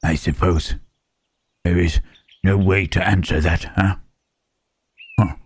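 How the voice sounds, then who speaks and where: A man voicing a gentle, melancholy monster in an ASMR roleplay, speaking haltingly and pensively in formal phrases with questioning hums. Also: fairly even intonation, full character voice. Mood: musing, puzzled. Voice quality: low, husky. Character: gentle, melancholy Frankenstein's monster, male, pondering his soul.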